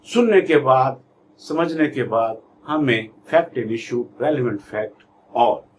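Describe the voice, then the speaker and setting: With a Pakistani accent, a man delivers an explanatory law lecture in a mix of Urdu and English, reading definitions out word by word before explaining them. His voice is medium-pitched. Slight background noise can be heard.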